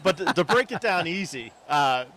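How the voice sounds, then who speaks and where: Higher-voiced man outdoors, noisy background. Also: expressive, normal speed, fairly bright tone. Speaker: podcast guest, barbecue promoter. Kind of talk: casual interview chat. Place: outdoors at a market. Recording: outdoor recording with clear traffic noise. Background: vehicles and outdoor ambience.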